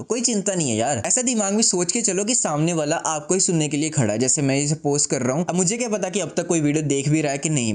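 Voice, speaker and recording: A man in a casual advice vlog with a slightly high voice. He talks at a slow, composed, deliberate pace with clear pauses and slips English phrases in. He drops in wry, self-deprecating asides. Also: a little mellow. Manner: mixes English phrases into Hindi. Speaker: YouTuber. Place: seated indoors.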